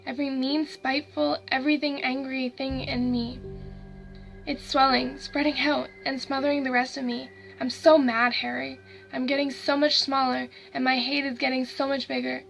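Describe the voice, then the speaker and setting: A woman voicing a dead young boy who talks in a hushed voice, bitter and growling with hatred. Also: high-pitched, flat delivery, moderate pace, creaky, faint music behind, rough recording. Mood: hateful.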